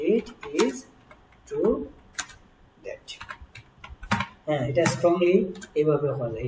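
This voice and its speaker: Male tutor, mellow tone, casual and thinking aloud, distant mic in a room with echo. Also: sits high, a little hiss or hum. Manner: thinks aloud, repeats English phrases slowly while writing. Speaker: English test tutor. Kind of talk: casual spoken lesson.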